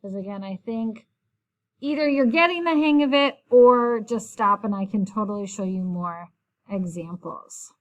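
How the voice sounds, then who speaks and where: A woman's voice: mid-range voice, a little slow. Woman teacher explaining step by step. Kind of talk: recorded math lesson.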